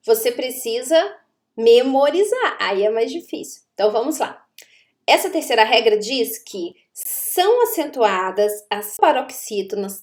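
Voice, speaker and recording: A woman, a grammar teacher who explains rules step by step and checks understanding with rhetorical questions. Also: fairly high pitch. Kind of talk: explanatory online lesson.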